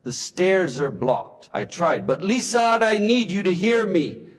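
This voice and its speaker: A man voicing a calm, loving father saying goodbye to his wife, speaking quietly and gently. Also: high-pitched, a little slow, pitched above the performer's own voice. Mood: tender. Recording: long hall reverb.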